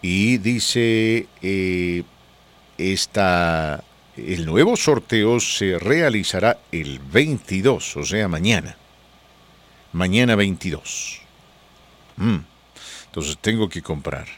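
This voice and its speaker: A man's voice: deep voice, slow pace. A man hosting a radio talk show, chatting casually and joking with his co-host. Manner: jokey, chatty, animated. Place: radio studio.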